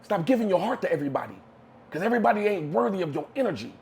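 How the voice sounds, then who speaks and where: Man, high voice, preachy, emphatic motivational podcast talk. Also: very animated, rapid-fire, darkish tone, slight background noise. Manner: preachy, emphatic, street slang. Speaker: podcast co-host.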